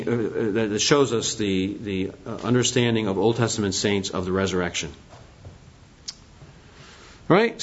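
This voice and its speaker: A man teaching a Bible study lesson in a conversational way, asking the class questions as he goes. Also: on the low side. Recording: dull lo-fi recording.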